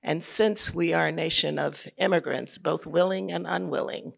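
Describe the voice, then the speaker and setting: Gravelly measured male panelist. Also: on the high side, steady tone, fairly bright tone. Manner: measured, frequent word repeats. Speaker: panelist, arts programmer. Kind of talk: conference panel talk.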